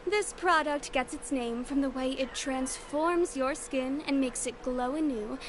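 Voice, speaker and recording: An actress voicing a female store announcer who greets customers and launches a new product in an upbeat, polished sales-pitch manner. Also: measured pace, noisy background. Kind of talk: supermarket-style announcement to customers.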